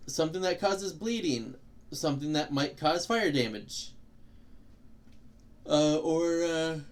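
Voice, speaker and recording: A young man streaming a game, explaining its mechanics in a rambling way with lots of fillers and restarts, hiccuping now and then. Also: fairly high pitch. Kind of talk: casual gameplay commentary.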